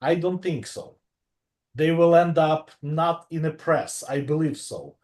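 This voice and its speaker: A man's voice: on the high side, a little slow, a little mellow. A man in his forties, a guest on a casual video-call chat, confident and boastful. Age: 40s. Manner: confident, boastful, laughs easily.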